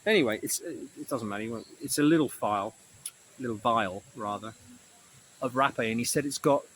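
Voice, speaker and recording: A vlogger with a medium-pitched, fairly bright voice and a mildly sore throat records a casual video diary at normal speed. He meanders, corrects himself and swears a lot. The low-quality recording carries slight background noise.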